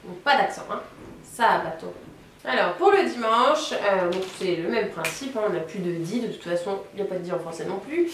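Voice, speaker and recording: Woman, language teacher, patient, slow repeats, roomy sound, faint background hum. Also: medium pitch, animated. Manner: patient, spells out each word slowly and repeats it. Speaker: Italian teacher. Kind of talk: beginner language lesson. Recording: roomy echo, voice a bit off-mic, faint ambience.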